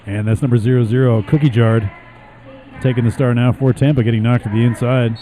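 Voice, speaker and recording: A man doing live play-by-play commentary at a roller derby bout, brisk and wry, slipping in dry jokes between calls. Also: mid-range voice, fairly even intonation, warm tone, faint music behind.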